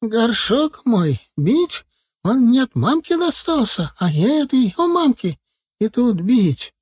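A frail, stubborn old village healer woman, high-pitched and insistent, drawing out her protests in rustic speech. The voice is husky and dry, with a male reader putting her on. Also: sing-song, slow pace, a little mellow, no room sound, heavily acted. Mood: protesting.

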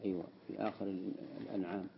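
A man's voice: sits low, level tone, very fast, creaky, big-room sound, muffled recording, noisy background. A man teaching a classical text as a sheikh, explaining and repeating key words. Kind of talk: lesson explaining Quranic word usage.

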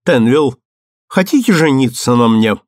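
A man's voice: mid-range voice, expressive, a little slow, no room sound, clean studio sound, close to an everyday voice. A man voicing a proud, bold young woman who fires off urgent questions.

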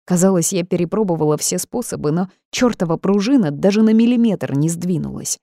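A woman's voice: lowish voice, fairly quick, dark tone, no echo, studio quality. A woman narrating a first-person audiobook in a dramatic reading style.

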